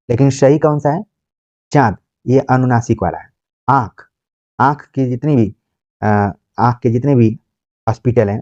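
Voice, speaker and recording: Male grammar teacher, dark mellow voice, dry dull lo-fi sound, patient and repetitive lecture delivery. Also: mid-range voice, no echo. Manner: patient, repeats examples, rhetorical questions. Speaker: Hindi teacher. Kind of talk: exam-prep grammar lecture.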